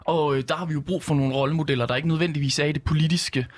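A man with a slightly hoarse voice, speaking earnestly in a political panel debate with many fillers. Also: a little high, fairly even intonation. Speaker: youth politician.

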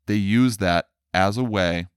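A man speaking earnestly in a casual monologue about men's feelings, sometimes mimicking others in a higher voice. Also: unhurried, clean tone, dry recording, clean studio sound. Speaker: speaker on men's emotional health.

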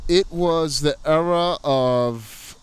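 A man's voice: a little high, extremely slow, smooth, dry recording. A middle-aged American man telling his story casually and emphatically in slang, his voice slightly muffled through a face mask. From US East Coast. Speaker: interview guest. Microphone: speaking through a face mask into an interview microphone.

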